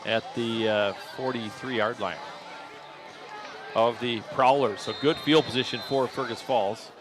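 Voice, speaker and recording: A man doing play-by-play commentary for a local radio football broadcast. He calls the action steadily, gets louder and higher when a play breaks open, and corrects himself out loud as he goes. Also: normal speed, crowd noise. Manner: steady play calling that jumps up in pitch and volume on big plays; thinks aloud and corrects himself on the spot. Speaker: play-by-play announcer.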